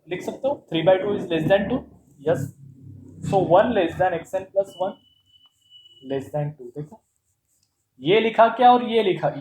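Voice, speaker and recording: A man walks through a math lesson, posing questions and answering them himself in a playful way. His voice sits high but mellow. The room is echoey, with a faint hum behind him. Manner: explains step by step with rhetorical questions; playful, calls terms "bhai sahab". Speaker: math teacher.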